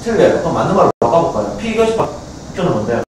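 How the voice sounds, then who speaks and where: A male math teacher with a Gyeongsang Korean accent lecturing a class, constantly quizzing students with quick checks. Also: on the high side, very animated, creaky, noisy background. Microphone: far camcorder. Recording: echoey classroom from a far camcorder.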